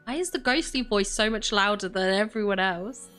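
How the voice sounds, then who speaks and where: Female gamer: casual commentary, mid-pitched, giggly, openly emotional. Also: normal speed, a bit bright, smooth.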